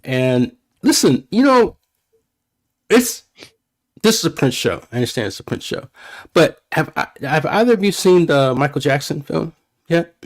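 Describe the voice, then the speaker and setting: A man's voice: fairly high pitch, big pitch swings, moderate pace, poor audio. Man guest-hosting a casual music talk stream, easygoing and chatty. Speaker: fill-in host. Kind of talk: casual podcast chat.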